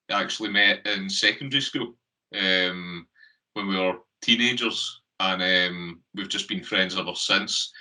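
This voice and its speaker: A Scottish man, a lead singer appearing as a guest on a remote call, chats casually in an interview, laughing often and filling gaps with ums. His voice is fairly low with a sharp tone, and he sounds far from the mic.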